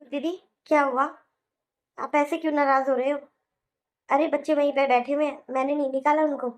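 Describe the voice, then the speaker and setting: A woman voicing a patient young housewife in a cartoon, reasoning gently and pleading with a Hindi accent. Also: high-pitched, steady tone, normal speed, close to an everyday voice. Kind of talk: cartoon voice acting.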